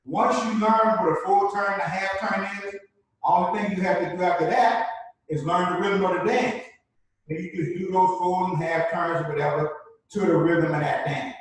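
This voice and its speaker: A man's voice: sits high, fairly even intonation, moderate pace. A man teaching a live online dance class, repeating key points and checking in with "right?" as he explains. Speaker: dance instructor. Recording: very echoey room, distant mic.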